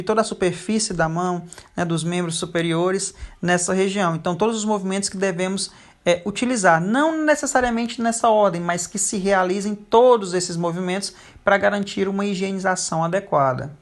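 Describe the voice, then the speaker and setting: A teacher giving a recorded lecture over slides, pausing often with fillers. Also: medium pitch. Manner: frequent hesitation fillers.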